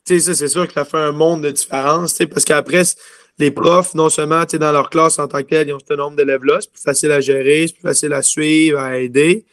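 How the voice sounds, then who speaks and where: This young adult junior hockey player from Quebec talks fast, rambling through a casual interview full of fillers in his Quebec French accent. His pitch is fairly high and his intonation fairly even, with a somewhat bright tone. It's studio quality, free of echo.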